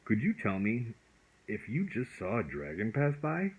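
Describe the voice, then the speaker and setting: A man's voice: medium pitch, wildly swooping pitch, measured pace, breathy edge, phone-quality sound, exaggerated voice. A man voicing a friendly, whimsical magic dragon in a storybook, with polite, quaintly formal talk. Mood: polite, puzzled.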